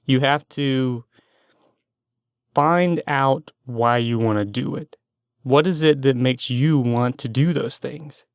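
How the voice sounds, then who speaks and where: A young man talks alone into the mic in a loose stream-of-consciousness monologue. He wanders, second-guesses himself and sometimes loses the thread. His voice is smooth and clear, at a middling pitch, recorded dry and close. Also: slow, no echo. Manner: self-doubting, meandering, loses his train of thought. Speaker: solo podcast host.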